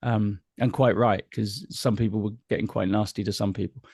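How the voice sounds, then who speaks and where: A man's voice: fairly low pitch, fairly even intonation, moderate pace, creaky, darkish tone, slightly rough, no echo, studio quality. A middle-aged man, a guest entertainer chatting casually and telling anecdotes in an interview.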